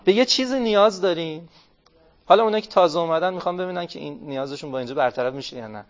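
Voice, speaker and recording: A man giving an interactive religious talk, asking his listeners questions, answering them himself and drawing out key phrases slowly. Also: on the high side. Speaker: religious speaker. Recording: dull lo-fi recording.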